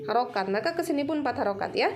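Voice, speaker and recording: Woman teacher, fairly high voice, patient, stretching out each sound to demonstrate it. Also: animated, very fast, crowd noise. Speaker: Quran recitation teacher. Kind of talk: recorded lesson for students.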